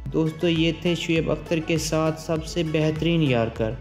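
A man's voice: a little high, normal speed. Man narrating a sports countdown. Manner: steady, formal countdown delivery. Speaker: channel narrator. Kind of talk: scripted voice-over narration. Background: faint background music.

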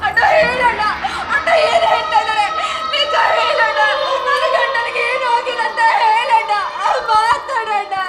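Actress as a young widow, high shrill voice, wailing over live stage music. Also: female voice, steady tone, a little slow, few pauses, a crowd in the background. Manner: wailing, pleading, sobbing. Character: grieving young widowed wife. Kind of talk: village stage drama acting.

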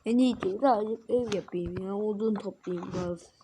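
A woman's voice: mid-range voice, normal speed, background noise. Sick woman chatting over gameplay. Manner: chatty, self-conscious, slangy. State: sick, voice a bit rough. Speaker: gaming channel host. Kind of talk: casual game commentary.

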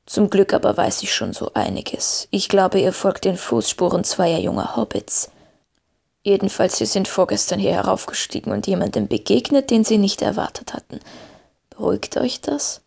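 A woman voicing an old male wizard who speaks slowly and gravely, calm and wise. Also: mid-range voice, full character voice. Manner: slow, grave, measured speech.

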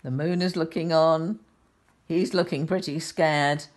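An older woman reading a picture book aloud to young children in a sweet, gentle grandmotherly way, with chatty asides. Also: low-pitched, fairly even intonation, a little slow.

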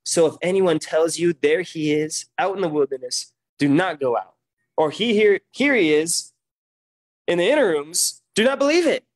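A man's voice: a little high, expressive, normal speed, no echo. A man preaching a sermon at a pulpit microphone, reading scripture aloud and breaking in with emphatic remarks. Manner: reads scripture aloud, then comments with emphatic exclamations.

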